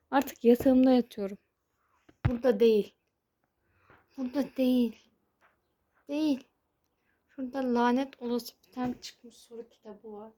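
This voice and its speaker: A woman's voice: a little high, dark tone, breathy edge, low-quality recording. A young woman vlogging from her bedroom, ranting in an exasperated, complaining way about studying for her exams. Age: young adult. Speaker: exam student vlogger. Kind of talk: casual vlog rant. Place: bedroom at home.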